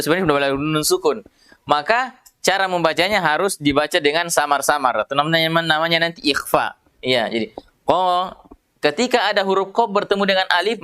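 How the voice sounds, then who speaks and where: A man teaching Quran pronunciation, explaining patiently in a conversational way and slowly drawing out single syllables to demonstrate them. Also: on the high side, bright, forceful tone, clean tone. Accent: Indonesian. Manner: many fillers and restarts, conversational. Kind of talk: tajwid lesson.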